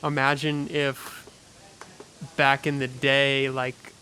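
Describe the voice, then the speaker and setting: A man's voice: medium pitch, little pitch movement, slow, sharp tone, rough recording. A man hosting a podcast interview in casual chat, laid-back and full of "like". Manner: laid-back, heavy use of "like". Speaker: podcast host. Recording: faint hiss.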